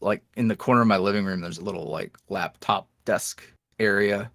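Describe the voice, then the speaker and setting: Speaking a little fast on a recording with no room sound, a young ASMR roleplay creator talks openly as a guest in a relaxed interview. His manner is lively, and he leaps higher in pitch when repeating what others said.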